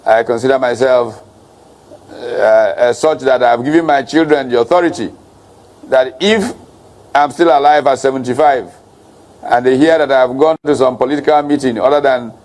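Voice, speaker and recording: A man's voice: mid-range voice, moderate pace, a little mellow. A man in his sixties giving public remarks as a senior official, in a wry, self-deprecating way. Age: 60s.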